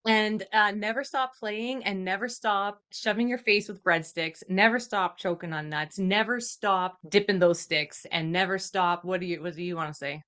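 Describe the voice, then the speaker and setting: A woman's voice: mid-range voice, normal speed, hardly any pauses, a bit bright, clean tone. A woman hosting a podcast, chatting casually in a rambling way full of fillers. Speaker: podcast host. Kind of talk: casual chat.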